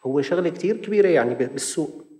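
Fast-talking Levantine preacher in a reverberant hall. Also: male voice, fairly high pitch. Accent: Levantine Arabic. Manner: animated storyteller acting out dialogue. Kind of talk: sermon lesson with storytelling.

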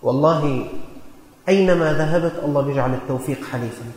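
A man's voice: fairly high pitch, fast talker, darkish tone. A man with a Damascene Syrian accent preaching a sermon, telling stories in an earnest, folksy way and exhorting his listeners. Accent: Damascene Syrian Arabic. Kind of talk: sermon with storytelling. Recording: echoey hall with long reverb.

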